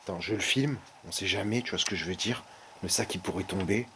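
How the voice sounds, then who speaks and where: Deadpan deep-voiced man in a garage. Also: fast. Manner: deadpan, keeps repeating a stock phrase. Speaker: co-host of a parody urban-exploring show. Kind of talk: mock-serious exploration commentary. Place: abandoned underground garage. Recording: loud background noise.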